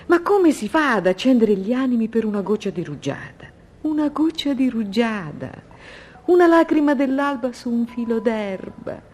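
A woman's voice: fairly high pitch, expressive, moderate pace, a little mellow. A woman playing a female guardian in a comic sketch, lyrical and reproachful. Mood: lyrical scolding. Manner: lyrical, scolding. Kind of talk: comic radio sketch acting.

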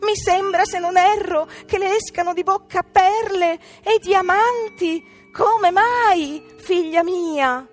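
A woman voicing a shrill, scheming older mother in a storybook reading, exclaiming in a high voice. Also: slow pace, hardly any pauses, faint music behind. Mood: astonished.

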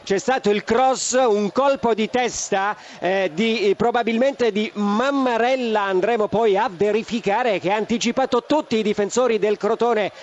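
A man reporting live football updates as a radio correspondent, halting and then rushing on. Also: high voice. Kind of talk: live match update commentary. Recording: slightly noisy, dull feed.

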